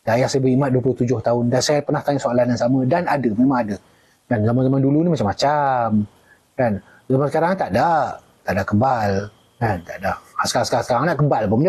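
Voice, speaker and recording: A man's voice: medium pitch, warm tone, husky. A middle-aged man with a Malaysian Malay accent, a retired army officer chatting casually on a live stream, answering viewer comments and joking.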